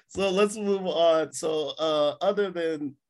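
An animated man co-hosting a casual film podcast. His voice sits a little high, and he argues his points emphatically, often breaking into laughter. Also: slow. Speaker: podcast co-host. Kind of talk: casual movie review chat.

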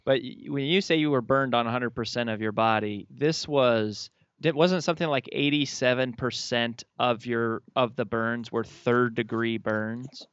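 A man hosting a podcast interview, asking questions in a halting way with many restarts. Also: mid-range voice, fairly even intonation, fairly bright tone, clean tone, no echo, lo-fi sound. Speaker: podcast host.

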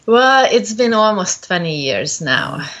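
A woman of around forty from Hungary, with a Hungarian accent, answering as an interview guest in a gentle, thoughtful way with pauses. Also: mid-range voice, big pitch swings. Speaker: guest spiritual medium.

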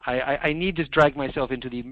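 A man's voice: medium pitch, fast, dry recording. Man talking over a landline phone. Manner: chatty, self-deprecating. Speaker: guest author. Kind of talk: casual interview chat. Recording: muffled landline phone line.

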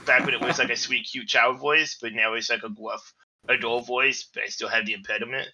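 A man voicing a gruff, distrustful adult male android teddy bear with a lisp, in a tabletop role-play, pausing often with fillers. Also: medium pitch, fairly even intonation, pushed and bright, low-quality recording. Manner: hesitant, many fillers. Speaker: player.

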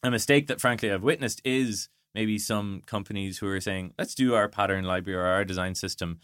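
A product design director, appearing as an interview guest, talks through his points conversationally, thinking aloud and tossing in illustrative asides. His fairly low, steady voice moves a little fast and sounds fairly bright, clear and resonant. The studio-quality recording has no room sound.

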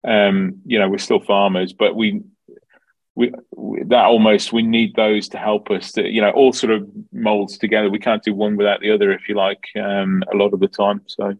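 A Dublin man with a lowish voice, a farm manager guesting on an interview, explains his work in an informal way, dropping "you know" throughout. The recording is dry and rough.

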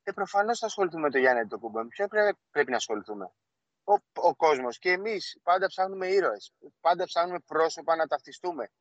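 A man's voice: a little high, animated, fairly bright tone, dry recording. A man reporting remotely for a sports show, earnest and emphatic. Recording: dull dry remote line.

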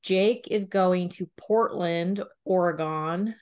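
A woman co-hosting a romance book podcast, talking in a relaxed, rambling way full of "like" and little asides. Her voice sits a bit low for a woman, and her talk is loose and unscripted. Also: normal speed. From Pennsylvania, US. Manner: chatty, heavy use of "like", animated and laughing. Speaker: podcast co-host reviewing romance books. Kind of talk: casual chat.

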